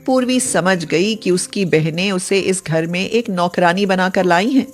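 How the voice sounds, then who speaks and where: Calm woman narrating a storybook tale. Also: fairly low pitch, a little slow, soft background music. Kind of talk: scripted narration.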